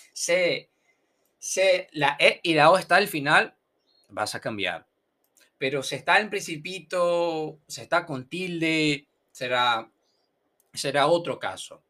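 A Brazilian man whose first language is Portuguese teaches in a casual podcast, with a Brazilian Portuguese accent. His voice is bright and sits a little high. He talks in an unhurried way, saying each example word twice and throwing in playful asides. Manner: slow, repeats example words, playful asides.

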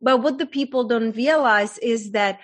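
A young woman from the Czech Republic with a Czech accent, a guest coach telling her story with animated enthusiasm in a podcast conversation. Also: on the high side, normal speed, rough recording. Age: young adult.

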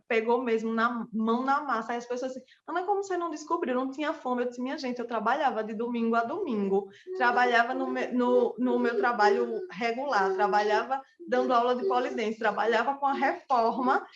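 Fairly high-pitched and steady, this woman's voice moves at a moderate pace with hardly any pauses, and the highs are cut off. She teaches pole dance, runs a small business, and earnestly tells her personal story to her listeners as a testimony.

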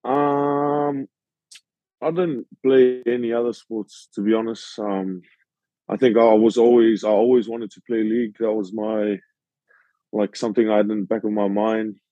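A man's voice: on the low side, level tone, unhurried, no room sound, dull audio. A young man in his twenties with a New Zealand accent, a rugby league player guest who answers modestly and hesitantly with many fillers. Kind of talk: casual podcast interview.

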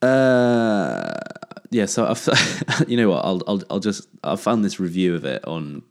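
Slow, hesitant man host. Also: low-pitched, sing-song. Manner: hesitant, searching for words, many ums. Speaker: podcast host. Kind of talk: casual chat.

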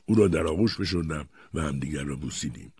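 Very husky low-voiced male narrator. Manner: expressive storytelling. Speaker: audiobook narrator. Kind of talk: scripted narration.

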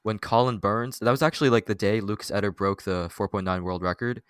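A teenage boy hosting a casual podcast chat, talking haltingly with many fillers and restarts. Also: lowish voice, clean tone, dry recording. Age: teens. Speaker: podcast host.

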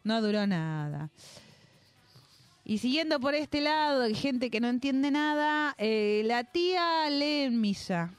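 A woman's voice: high voice, lively intonation, slow pace, clear, resonant tone, faint music behind. A woman radio host, playful and laughing as she introduces clips. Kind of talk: casual radio chat. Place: radio studio.

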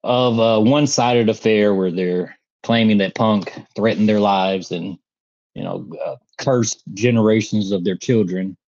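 A man's voice: on the low side, unhurried, a little mellow. A man co-hosting a wrestling podcast in laid-back casual chat, wry and often laughing. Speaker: podcast co-host. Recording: slightly dull lo-fi mic.

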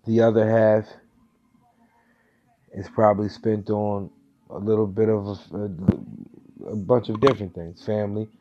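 A man's voice: fairly low pitch, fairly even intonation, measured pace, pauses often, dark tone, slight background noise. A man giving an earnest motivational monologue in casual speech with slang and cursing, urging listeners to grow and stay focused. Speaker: host of a motivational talk. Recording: dull lo-fi recording with faint music.

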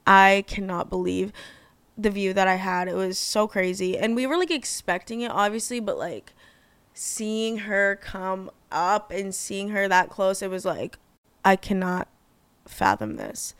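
A bubbly young woman chats on her podcast, gushing and swearing freely. Her voice is smooth and clear, recorded close and dry with no room sound. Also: mid-range voice, animated, unhurried, fairly bright tone, dry recording. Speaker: podcast host. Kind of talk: casual chat.

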